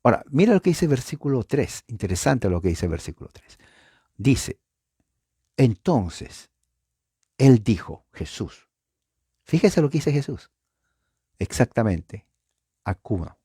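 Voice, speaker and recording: A man preaching a Bible teaching, talking to his listeners with rhetorical questions and sudden rises in pitch for emphasis. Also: unhurried, long pauses, slightly rough, clean studio sound. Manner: animated, pitch jumps up for emphasis and acted-out echoes.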